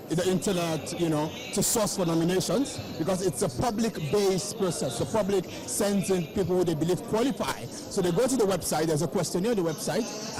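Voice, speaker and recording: High-voiced Nigerian man interviewed amid crowd. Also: low-quality recording. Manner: hesitant, peppered with "you know". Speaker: event co-founder, interviewee. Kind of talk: explanatory live interview. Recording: crowd noise at live event.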